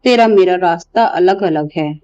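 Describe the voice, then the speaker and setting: A bitter young husband with a harsh way of speaking, in a narrated horror tale, as a woman reads him. The voice is low and mellow, dry, with soft music beneath. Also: normal speed, no echo, dull audio, close to an everyday voice. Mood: angry.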